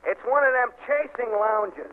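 A man's voice: extremely high pitch, a little slow. An actor playing a dim, earnest, folksy male Marine private in an old-time radio comedy. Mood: naive. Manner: folksy, naive. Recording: tinny, hissy old radio recording.

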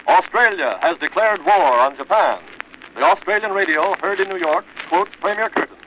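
A man reading wartime news bulletins in a brisk, formal announcer style, heard as an old 1940s radio news broadcast. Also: on the high side. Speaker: radio newscaster. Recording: muffled lo-fi archival radio with hiss.

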